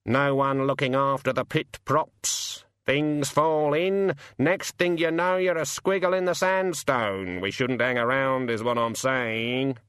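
A man voicing a talkative, knowing male raven in a storybook reading, slow and explaining. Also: mid-range voice, a bit bright, clear, resonant tone, dry recording.

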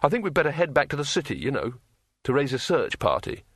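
A man's voice: mid-range voice, very animated, fast talker, fairly bright tone, no echo, clean studio sound. A man voicing a nervous, cowardly wizard who talks in flustered, hesitant bursts.

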